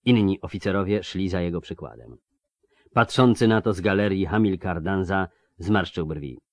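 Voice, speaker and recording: Steady male narrator, low-pitched, dry studio sound. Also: normal speed, dry recording. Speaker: audiobook narrator. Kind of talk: scripted narration.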